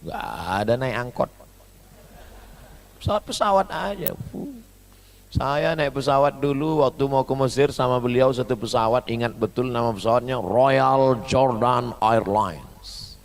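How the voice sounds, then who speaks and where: A man giving a humorous sermon, swinging between loud high bursts and soft low asides as he mimics foreign phrases. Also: moderate pace, a little hiss or hum. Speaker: preacher.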